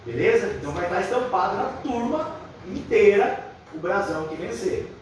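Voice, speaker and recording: Speaking at normal speed in a high-pitched, animated voice, a man with a Brazilian accent runs a workshop for schoolchildren. He addresses them like a kindergarten teacher, offering encouragement, simple directions and questions to check understanding. The recording carries classroom echo from the roomy indoor space plus faint background noise.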